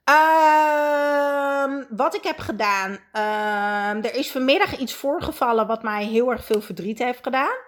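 A woman's voice: high-pitched, slow. A woman coach talking earnestly in a live session, reflective and hesitating at times. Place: indoors at home.

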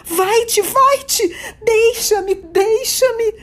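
A woman's voice: extremely high pitch, expressive, slow pace, darkish tone, voice pushed up, heavily acted. A woman voicing a frightened young woman who cries out in tearful, anguished pleas. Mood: terrified pleading.

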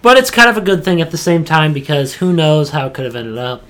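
A man co-hosts a casual podcast about video games in a slightly high, sing-song, fairly bright voice, talking briskly. He comes across as an opinionated, informal fan who keeps dropping "dude" into his speech.

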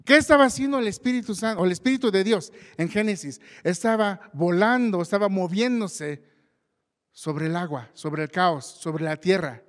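A man preaching to a congregation in a fairly high voice, chatting casually and laughing often before slowing down to drive a point home. His voice rings out with a long reverb from the church hall around him. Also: fairly bright tone. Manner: conversational, laughs often, slows and builds for emphasis. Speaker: pastor. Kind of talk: sermon.

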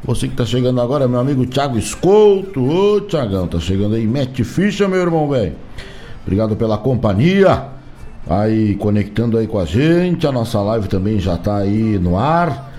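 A man's voice: mid-range voice, very animated, normal speed, mellow. A man with a southern Brazilian gaúcho accent hosting live radio in a folksy, casual, colloquial way. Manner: folksy, colloquial, frequent tag questions. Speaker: radio host. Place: radio studio.

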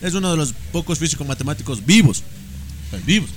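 A man's voice: a little high, quick pace, faint music behind. A young man with an Ecuadorian accent, co-hosting a casual podcast chat and animatedly telling school stories, sometimes singing bits of old chants. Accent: Ecuadorian Spanish. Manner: animated storyteller, sings snippets of school chants. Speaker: podcast co-host.

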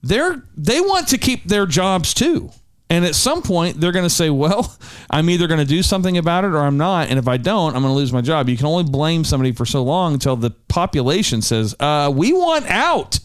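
A man's voice: fairly high pitch, expressive, a little fast, hardly any pauses, no echo. A man co-hosting a talk show, earnestly rambling through political opinions with frequent restarts. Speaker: co-host.

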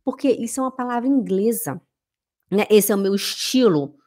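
A Brazilian woman with a Carioca accent, teaching German pronunciation in a live online lesson and acting out little dialogues while slowly repeating words for practice. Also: mid-range voice. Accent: Brazilian Portuguese, Carioca. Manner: animated, drills words by repeating them slowly.

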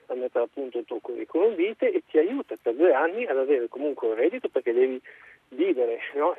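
A man's voice: medium pitch, no room sound. A man calling in to a radio talk show over the phone, arguing his point earnestly and methodically. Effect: phone line. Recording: tinny phone line, husky.

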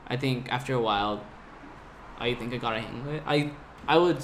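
As a podcast guest, a young Californian man tells travel stories casually, laughing and dropping "like" throughout with lots of animation. His pitch is medium and his pace a little fast. Faint background noise is audible.

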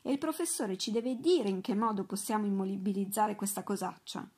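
A woman's voice: mid-range voice, a little fast, slightly rough, lightly acted. A woman reading aloud voices a commanding male ship captain, calling out orders in a storybook. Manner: shouting orders over a storm.

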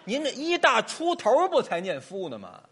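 A man performing stage crosstalk as the straight man. He lays out rules patiently and fires back quick, exasperated retorts. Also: very high voice, wildly swooping pitch, fairly bright tone, breathy edge.

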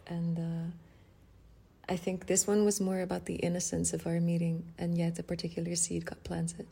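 A woman's voice: on the low side, completely flat delivery, normal speed, vocal fry, dark tone, breathy edge. A woman from the Netherlands, an intimacy coach and podcast guest, talking directly and laughing often. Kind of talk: casual podcast conversation.

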